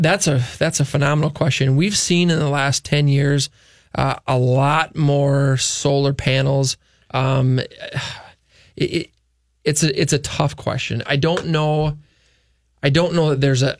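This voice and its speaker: Fast-talking gravelly radio host man. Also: mid-range voice, dry recording, clean studio sound. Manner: fast-talking, many restarts and fillers. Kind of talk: live call-in radio talk.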